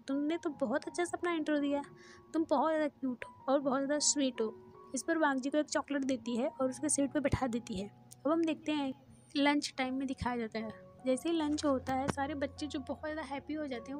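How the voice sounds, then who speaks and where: Woman storyteller, high voice, steady plain narration, soft music underneath. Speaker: fan fiction narrator. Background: soft background music.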